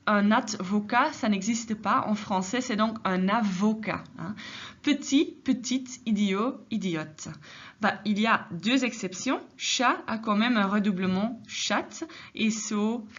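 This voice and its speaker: A woman's voice: mid-range voice, slow. A woman teaching a grammar lesson, patient and explanatory, often adding a tag "hein". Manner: patient, many filler "hein"s, switches into Dutch for translations. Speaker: French teacher. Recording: slightly dull lo-fi recording.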